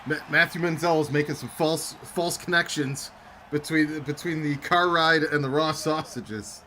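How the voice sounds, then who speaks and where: Bright-voiced young man telling a tale. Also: a little high, normal speed, a little hiss or hum. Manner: rambling anecdotal storyteller, reads chat aloud. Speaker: co-host of a game-sim stream. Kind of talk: casual chat over a simulated football game.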